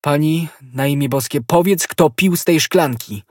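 A man playing a grim, suspicious older male musketeer who speaks low and hushed. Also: a little slow, no echo, clean studio sound.

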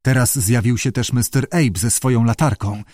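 A man narrating a novel in a measured, expressive reading. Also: medium pitch, dry recording, studio quality. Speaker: audiobook narrator. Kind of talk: scripted narration.

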